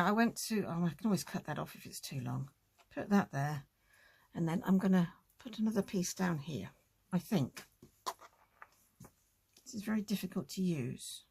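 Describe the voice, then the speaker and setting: A woman's voice: lowish voice, vocal fry, breathy edge. A woman hosting a casual crafting tutorial, chatting and thinking aloud as she works.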